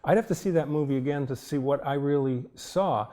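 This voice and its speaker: Older man with a mellow voice recalling his filmmaking. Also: on the high side, a little fast. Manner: thoughtful, anecdotal, chuckling. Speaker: film director. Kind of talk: reflective interview storytelling.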